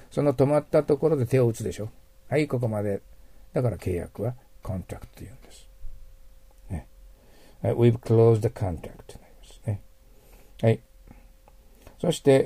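Gravelly-voiced man teaching English words. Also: lowish voice, mellow, dry recording. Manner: patient, repeats words, checks in with "ne" and "hai". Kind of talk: lecture explaining word roots.

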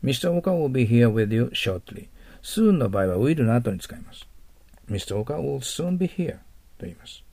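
A man teaching English vocabulary in a recorded lesson, explaining each word patiently and often trailing off into soft, near-whispered asides. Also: medium pitch, big pitch swings, a little slow, dry recording.

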